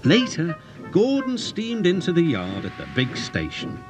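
A male narrator reads a children's story in a gentle, storytelling way. His voice sits a bit high and rises and falls with great liveliness, and music plays beneath him. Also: wildly swooping pitch, a little slow.

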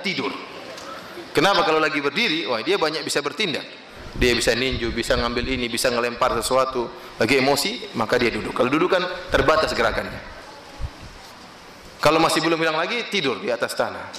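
A male Islamic preacher giving an emphatic sermon, swinging widely in pitch and quoting Arabic phrases. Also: a little fast, bright, forceful tone, roomy sound, a little hiss or hum, poor audio.

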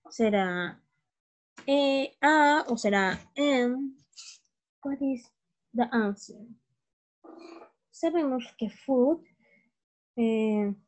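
Very slow-paced woman teaching English. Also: on the high side. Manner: patient, drills words slowly one by one. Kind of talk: bilingual grammar lesson.

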